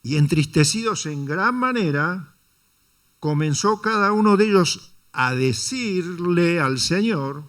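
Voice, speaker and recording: A man's voice: sits high, lively intonation, slow pace, fairly bright tone. A man preaching a Sunday sermon, asking the congregation rhetorical questions and calling them brother. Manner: dramatizes quotes with shifting intonation. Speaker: pastor.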